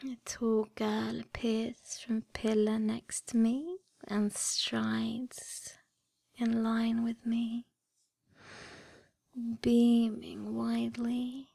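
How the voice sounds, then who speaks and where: Female performer as seductive, adoring dream woman; sultry whispered role-play, breathy, very unhurried, little variation in pitch. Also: mellow, no echo, full character voice. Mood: sultry, admiring. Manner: sultry, slow, intimate narration.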